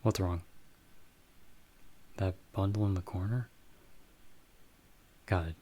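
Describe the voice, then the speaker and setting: Fairly even in intonation and dark in tone, a man's fairly low voice plays a vigilant bounty hunter with knowledge of magic and monsters. Calm and watchful, he walks his companion through measured, slightly formal explanations in the style of an ASMR audio roleplay.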